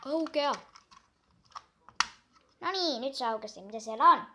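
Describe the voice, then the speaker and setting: A young girl chatting casually while unboxing a toy, gushing and excitable, counting down aloud. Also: high-pitched, noisy background.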